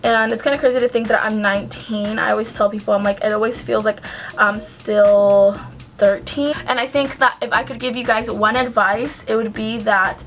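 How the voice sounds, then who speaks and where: Slightly high and a bit bright, her steady voice moves at normal speed over soft background music. She's a young adult beauty vlogger doing a makeup tutorial in a small shelved room at home, close to the camera, chatting casually with plenty of ums and likes and earnest advice.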